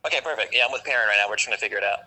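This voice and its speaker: A man calling in by phone, heard through the speaker, asking a quick, friendly question. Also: fairly low pitch, pushed and bright, rough recording. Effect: heard over a phone on speaker. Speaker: phone caller.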